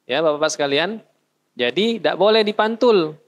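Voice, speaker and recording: A man's voice: on the high side, lively intonation, fairly quick. A man teaching a class how to recite, explaining patiently and chanting short verses as examples. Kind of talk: recitation lesson. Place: mosque.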